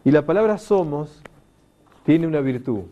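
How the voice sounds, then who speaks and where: Middle-aged guy lecturing a crowd, dark mellow tone, gets animated and acts out the quotes. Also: a little high, normal speed, highs cut off. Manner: warm, emphatic, animated teaching delivery with quoted voices. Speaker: lecturer on consciousness. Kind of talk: spoken lecture to an audience.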